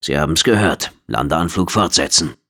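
A gruff military commander barks short, impatient orders, as a male narrator puts him on. The reader lifts his deep voice a little and clips every line. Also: animated, moderate pace, sharp tone, heavily acted. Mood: curt. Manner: curt, barking orders.

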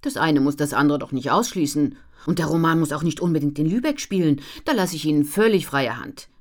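A woman voicing an enthusiastic female book editor who talks brightly and energetically on the phone. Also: deep voice, brisk.

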